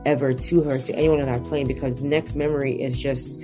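A woman's voice: rumbling low, flat delivery, a little fast, music in the background. A woman in her twenties from Nigeria, a guest telling her life story in a reflective way with many fillers. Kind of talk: personal storytelling interview.

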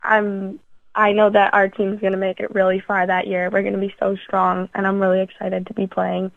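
A woman's voice: mid-range voice, monotone, normal speed, vocal fry, no echo. A teenage girl athlete being interviewed, talking eagerly with many fillers and restarts. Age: teens. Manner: enthusiastic, lots of fillers and restarts. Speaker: youth athlete guest. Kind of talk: phone interview. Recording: tinny phone line, dry.

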